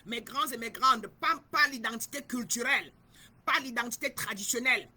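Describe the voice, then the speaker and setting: A woman's voice: a little high, moderate pace, bright, forceful tone, breathy edge. A middle-aged woman from Cameroon, a spiritual guide giving an emphatic, repetitive teaching talk and speaking straight to her listeners.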